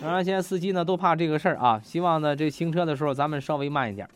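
A man's voice: on the high side, very fast, background noise. A man hosts a comic radio show, reading jokes and laughing at his own punchlines. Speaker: radio host.

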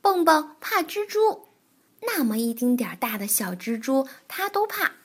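A woman's voice: sits high, very animated, unhurried. A woman voicing a playful, teasing young male frog in a children's storybook, with a raised, bouncy voice. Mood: bickering. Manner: playful, teasing, sing-song.

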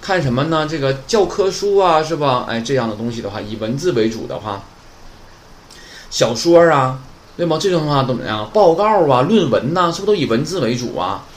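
This native Chinese speaker teaches Japanese grammar in Chinese, quoting Japanese words and sentences and constantly checking with students using "对吧" and "哎". His mid-range voice is very animated and a little fast, with slight background noise.

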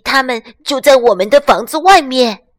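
A woman voicing a frightened little boy bunny in a bedtime storybook, in a high, pleading child's voice. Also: lively intonation, moderate pace.

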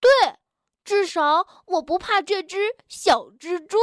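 A woman's voice: very high-pitched, lively intonation, slow, dry recording, clean studio sound, voice pushed up, exaggerated voice. A woman voicing a cheeky, fearless male frog in a children's storybook, with a chirpy, teasing and bold manner.

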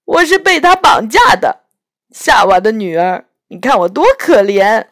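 A woman's voice: fairly high pitch, very animated, measured pace, fairly bright tone. Woman voicing Mr. Tumnus, a sobbing faun. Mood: pleading. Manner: sobbing, choked and pleading. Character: weeping male faun, gentle and guilt-ridden. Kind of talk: storybook reading.

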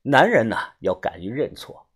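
Husky male audiobook narrator. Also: medium pitch, moderate pace. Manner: lively, expressive storytelling. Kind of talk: first-person novel narration.

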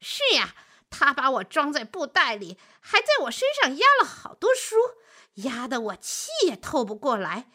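Storybook wolf, sly and pushy, high and bright, voiced by a woman. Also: sing-song, unhurried, full character voice. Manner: mocking, pushy. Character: sly hungry male wolf, brazen.

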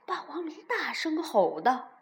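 Woman storyteller for a kids' bedtime story: high, expressive, unhurried. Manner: slow, expressive storybook delivery. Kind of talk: children's bedtime story reading.

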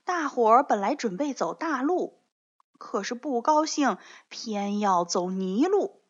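A woman narrating a children's story in a slow, expressive, animated way. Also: fairly high pitch, husky. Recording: dull lo-fi recording.

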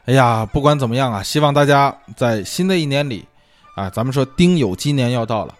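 A man's voice: mid-range voice, lively intonation, fairly quick, soft background music. A man hosting a casual solo talk show, musing aloud in a chatty way with many fillers. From China. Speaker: podcast host. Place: lives abroad.

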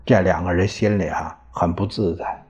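A male storyteller narrates a historical tale in an easygoing, colloquial way with wry asides. His voice is low, husky and slow. The recording is dull and lo-fi. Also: steady tone, a little mellow.

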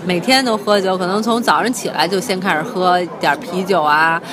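A woman's voice: lowish voice, a little fast, a crowd in the background. A young woman with a Beijing accent talking casually as a podcast co-host. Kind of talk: casual chat.

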